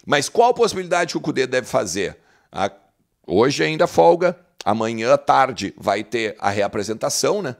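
Gravelly-voiced gaúcho man talking football. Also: medium pitch, very animated, normal speed. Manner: chatty, tags sentences with "né?" and "ó". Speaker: football channel host. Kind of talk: casual football commentary to camera.

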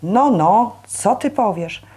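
A woman's voice: mid-range voice, expressive, slow pace, mellow, voice pushed up. Woman reading a chatty, bustling aunt in a storybook. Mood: distracted. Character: bustling middle-aged aunt, chatty mother.

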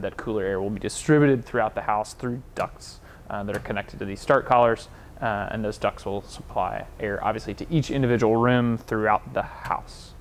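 A man's voice: fairly low pitch, a little hiss or hum. A man, walking through how a home cooling and heating system works, gesturing at the equipment in a warehouse workshop. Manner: plain, practical, explains with hand gestures. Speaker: HVAC company representative. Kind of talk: explanatory equipment walkthrough. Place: large warehouse workshop with concrete block walls.

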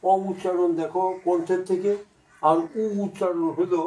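Bangladeshi guy teaching bengali grammar, high voice, kinda far off in an echoey room. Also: little pitch movement, warm tone. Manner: explains slowly and repeats sounds to demonstrate them. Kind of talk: classroom lecture. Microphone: phone camera from across the room.

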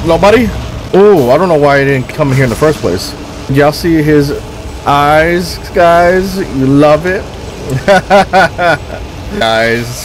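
A man casually commentating his own horror game play for viewers, excitable and quick to exclaim. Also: mid-range voice, noisy background. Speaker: gaming streamer.

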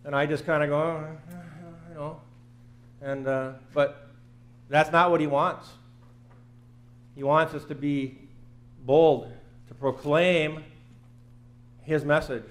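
A man's voice: on the high side, slow pace, pauses often. A man in his fifties preaching a sermon in a small church, earnest and plain-spoken, repeating phrases for emphasis. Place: small church sanctuary, in front of the altar.

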